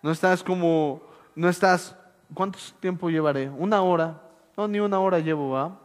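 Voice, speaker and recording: Male preacher, high voice, moves from hushed to shouting, long church-hall reverb. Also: normal speed. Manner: animated, swings from soft to shouting. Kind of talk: sermon.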